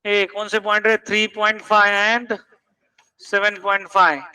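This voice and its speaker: Bright-voiced teacher quizzing his class. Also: sits high, little pitch movement, moderate pace, clean tone, recorded from a distance, poor audio. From India. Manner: quizzing students, pressing them to check each step. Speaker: math teacher.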